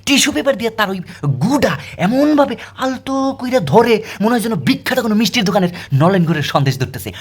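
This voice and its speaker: A sarcastic, aggrieved male street dog, as a man puts him on, grumbling in a through a comic monologue. The voice is husky, with a lively pitch that swoops up and down. Every complaint lands as a pointed rhetorical question. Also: fast talker, exaggerated voice. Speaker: comedian.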